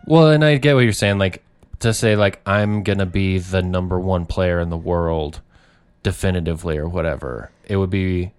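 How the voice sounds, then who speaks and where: A young man co-hosting a podcast in casual chat, relaxed and hedging as he talks. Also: sits low, moderate pace, clear, resonant tone. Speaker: podcast co-host.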